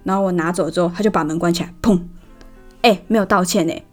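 A woman with a Taiwanese Mandarin accent, hosting a casual storytelling podcast and telling it in a chatty, animated way. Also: fairly low pitch, quick pace, soft background music. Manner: chatty and animated, laughing at her own stories. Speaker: podcast host.

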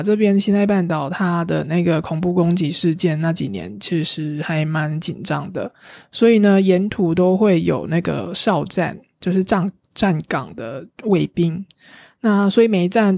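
A woman's voice: low voice, a little mellow, dry recording. A woman with a Taiwanese Mandarin accent telling a travel story in a casual, chatty podcast monologue, full of fillers and self-corrections.

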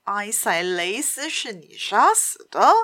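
A woman's voice: mid-range voice, animated, takes it slowly, bright, forceful tone. A woman voicing a young army captain in a storybook reading, speaking in a brusque, demanding way. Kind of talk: audiobook character voice.

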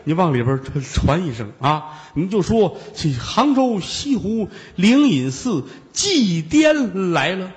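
A man voicing a shabby, mischievous old monk who shouts high and teases in a bossy way. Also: big pitch swings, slow, few pauses, long reverb tail, heavily acted.

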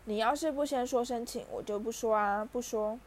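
A woman's voice: fairly high pitch, brisk, a little mellow, slight background noise, natural voice. A woman voicing a mischievous male poltergeist with a taunting, sing-song manner.

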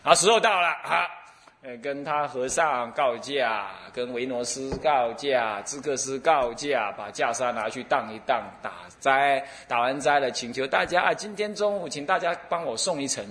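A man with a Taiwanese Mandarin accent, a Buddhist abbot giving a dharma lecture with lively, humorous storytelling. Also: mid-range voice, normal speed.

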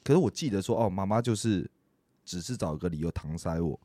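Give me a man co-hosting a podcast, lively and dry-sounding, always poking with questions. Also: deep voice, fairly quick, no echo. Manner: probing, questioning. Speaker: podcast co-host. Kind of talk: casual chat.

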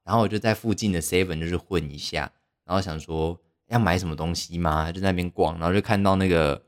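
The young man hosting this podcast talks fast in a low register. He tells a story loosely and rambles, teasing himself and filling gaps with lots of fillers.

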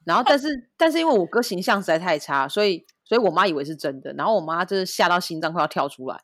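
A woman from Taiwan co-hosting a casual chat podcast, telling stories with lively mimicry and frequent laughter. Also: lowish voice, fast talker, no echo, clean studio sound. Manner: lively storyteller, mimics others, laughs often. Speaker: podcast co-host.

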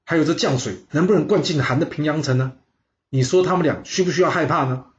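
A man's voice: on the high side, fast, dull audio, pitched above the performer's own voice, lightly acted. A man voicing a cautious adviser who pleads earnestly with his lord. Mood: worried. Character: worried, cautious male adviser.

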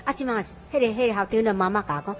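A woman from Taiwan sharing her conversion story as an interview guest, telling it in an animated way and often quoting others. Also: medium pitch, very fast, dull audio. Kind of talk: lively personal testimony in casual conversation.

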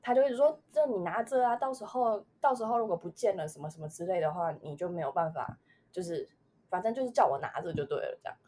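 A woman's voice: on the low side, lively intonation, fast, mellow, slight background noise. Young Taiwanese woman telling a personal story. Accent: Taiwanese Mandarin. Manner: rambling, many fillers, emotional recollection. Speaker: podcast co-host. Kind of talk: casual chat, personal storytelling.

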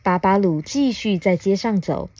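A mother reading a picture book aloud to her child for a podcast, coaxing and asking gentle questions along the way. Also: mid-range voice, expressive, normal speed. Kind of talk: storybook read-aloud podcast.

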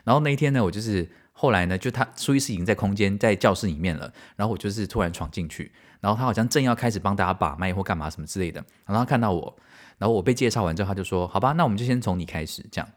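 Low-voiced Taiwanese man telling stories. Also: rapid-fire. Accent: Taiwanese Mandarin. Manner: animated, self-mocking, laughs often. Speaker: podcast host and stage director. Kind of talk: casual storytelling, answering listener mail.

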